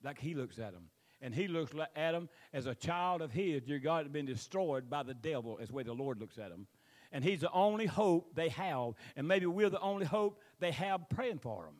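A pastor with a Southern US accent preaches to his congregation in a folksy, rambling sermon, drawling out scripture phrases and mixing readings with plain exhortation. His voice is a little high, animated, and a little mellow, at a moderate pace.

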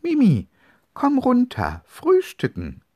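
A man voicing a caring mother in a children's story, calling her kids in a raised, high voice. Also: very animated, measured pace, mellow, a little hiss or hum.

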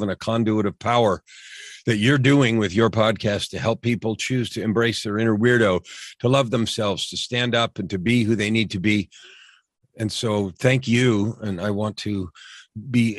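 A middle-aged man, a coach and podcast guest, talking earnestly in a repetitive, emphatic way, his voice dropping low on key phrases. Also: no room sound, studio quality. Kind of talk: motivational interview talk.

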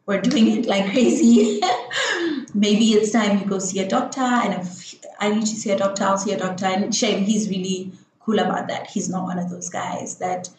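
A young woman shares a personal story in a frank, rambling way, her talk full of "um"s and restarts. Her voice sits at an ordinary middle pitch. The room gives it a noticeable echo, with faint ambience behind her. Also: normal speed, slight background noise. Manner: rambling and frank, with many "um"s and self-corrections. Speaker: vlogger.

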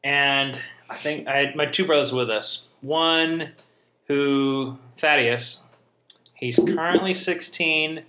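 A man's voice: fairly high pitch, slow pace, bright, forceful tone, roomy sound. A young man, a podcast co-host, telling family stories in casual chat, rambling and interrupting himself with laughs.

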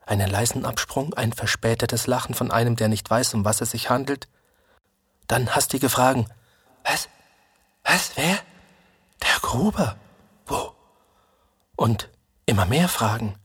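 A man reading a literary story aloud in a calm, measured manner. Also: mid-range voice, slightly rough, dry recording, studio quality. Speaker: narrator.

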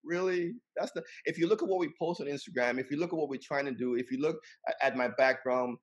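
A man's voice: medium pitch, fast talker, husky. Earnest man who repeats himself. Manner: earnest, repeats words as he builds a point. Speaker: guest. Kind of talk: casual discussion.

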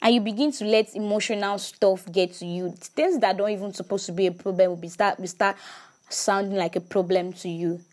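A woman's voice: mid-range voice, fairly quick. A woman giving a casual faith talk to her viewers, emphatic, repeating words and asking rhetorical questions.

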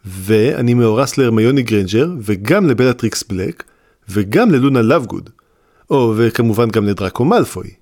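A man voicing a clever, sarcastic young boy wizard in an audiobook reading, with a dry, deliberate delivery. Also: medium pitch, lively intonation, darkish tone, no echo. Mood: sardonic. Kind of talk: audiobook character voice.

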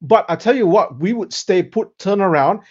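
Male panel host, husky, fairly high voice, emphatic casual analysis, dull lo-fi sound. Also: expressive, normal speed. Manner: emphatic, checks with 'right?'. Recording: dull, band-limited audio.

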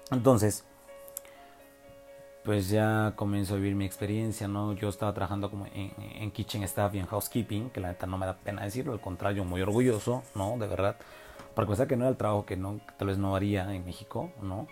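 A man's voice: lowish voice, steady tone, brisk, a little mellow, soft background music. A young man from Oaxaca with a Mexican Spanish accent, telling a personal story in a casual, slangy way with many fillers and tag questions.

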